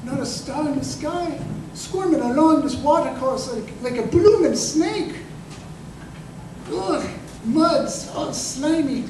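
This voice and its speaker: Uneasy now, the man playing the crippled, earnest working-class ex-corporal who is bitter over his betrayal speaks in a very high voice with lively intonation and a heavily acted delivery. He hesitates, repeats words and stresses them firmly. The old-time radio drama is performed live in a museum, and the recording is echoey and noisy, taken from a distant mic.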